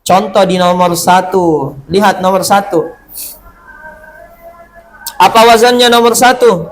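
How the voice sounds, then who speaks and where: High-voiced man teaching Arabic verb patterns. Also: faint music behind, rough recording. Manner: drills verb patterns, asks and answers his own questions; slow, drawn-out reading of Arabic words. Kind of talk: classroom lesson.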